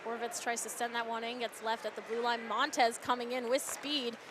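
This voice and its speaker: A woman announcer giving rapid, excitable hockey play-by-play as the action moves. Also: on the high side. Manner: excitable, voice jumps on shots and goals. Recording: live arena noise behind. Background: hockey arena ambience.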